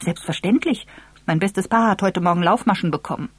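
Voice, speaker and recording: A reader voicing Eve, an excitable and impulsive young woman, with an eager, affected manner. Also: brisk, breathy edge, no room sound, lightly acted. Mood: eager, teasing. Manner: eager, wheedling, high and affected.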